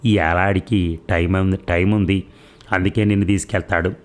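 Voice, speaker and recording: A man's voice: deep voice, level tone, normal speed, lightly acted. A man voicing a scheming middle-aged village woman who speaks in a persuasive, soothing way. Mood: coaxing.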